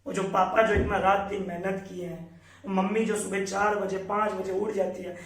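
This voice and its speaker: A man's voice: high voice, little pitch movement, normal speed, vocal fry, echoey room, recorded from a distance, poor audio. A young man teaching students, giving an earnest, emphatic motivational talk.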